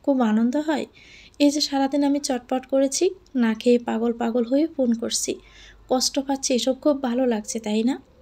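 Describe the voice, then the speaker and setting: A woman's voice: high voice, steady tone, moderate pace, mellow. A woman voicing a possessive, hot-tempered young man in an audio love story, scolding through clenched teeth or coaxing tenderly. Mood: angry, scolding.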